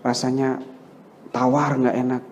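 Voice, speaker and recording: A man's voice: mid-range voice, level tone, measured pace, darkish tone, slight background noise. A man, an Islamic cleric answering questions in a casual lecture full of rhetorical questions. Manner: colloquial, rhetorical questions, emphatic repetition. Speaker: Islamic cleric teaching ruqyah. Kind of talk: religious Q&A lecture.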